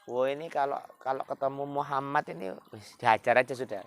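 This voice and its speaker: A man's voice: mid-range voice, fairly quick, voice pushed up, natural voice. A man playing furious Umar, tinged. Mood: eager. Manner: shouting, fuming, repeating curses.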